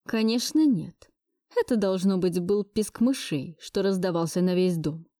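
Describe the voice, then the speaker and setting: A woman voicing a brooding, possessive young man in an audiobook, speaking low and insistently. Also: lively intonation, measured pace, mellow, dry recording, clean studio sound. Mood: stern. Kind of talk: audiobook dialogue.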